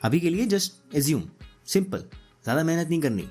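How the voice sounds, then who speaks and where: A man's voice: fairly high pitch, expressive, moderate pace, darkish tone, soft background music. A man with a sore throat teaching a casual lecture, explaining step by step and often checking in with his students. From Punjab.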